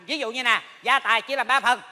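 A man's voice: very high voice, fairly even intonation, quick pace, sharp tone. A man, joking and meddling in a stage comedy sketch. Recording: reverberant theater stage.

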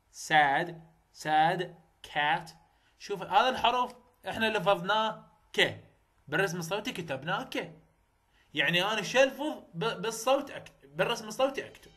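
A man with an Iraqi Arabic accent teaching English vowel sounds, repeating example words slowly and coaching the viewer directly. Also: sits high, pushed and bright. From Iraq. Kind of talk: phonetics lesson.

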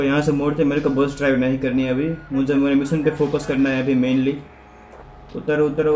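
A man giving casual, excitable gameplay commentary and chatting to his viewers. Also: mid-range voice. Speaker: gaming YouTuber. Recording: echoey room with faint background noise.

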